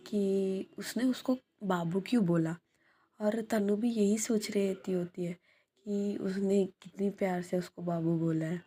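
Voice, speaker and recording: A woman's voice: mid-range voice, warm tone. A woman hosting her channel, telling a love story in a casual, hesitant way with many filler sounds.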